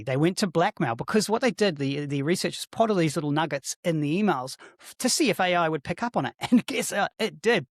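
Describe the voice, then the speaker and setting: A man's voice: fairly high pitch, no echo, studio quality. A man co-hosting a podcast, chatting casually, laughing often and restarting words as he explains. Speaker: podcast co-host.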